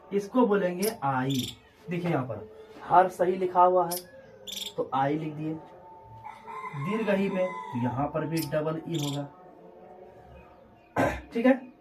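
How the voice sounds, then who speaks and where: High-voiced teacher, slow and distant. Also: male voice. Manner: repetitive, checks in with students, drawn-out words. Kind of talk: classroom lesson on Hindi vowels.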